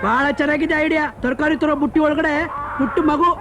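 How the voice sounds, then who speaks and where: An actor playing a cheeky, teasing taxi driver with a loud, giggly manner, in a film comedy. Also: male voice, extremely high pitch, steady tone, fairly quick, heavy background noise. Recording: film soundtrack with music.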